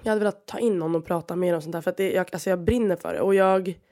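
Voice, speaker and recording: A woman's voice: fairly low pitch, mellow. Young female podcast host in her 20s, casual solo monologue, blunt, exasperated, profane, lots of restarts. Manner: frank and exasperated, swears often, many restarts.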